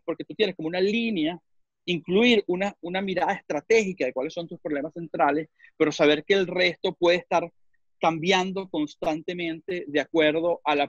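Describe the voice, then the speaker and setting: A Venezuelan man with a Venezuelan Spanish accent speaks as a panelist in a webinar held over a video call. His slightly high voice comes through dry and muffled, and he's halting, often searching for words with many repeats.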